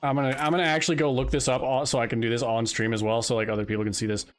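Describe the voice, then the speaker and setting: A man's voice: mid-range voice, little pitch movement, rapid-fire, music in the background. A young man chatting on a live stream, telling a rambling story with frequent restarts and exasperated asides. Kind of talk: casual chat while live streaming.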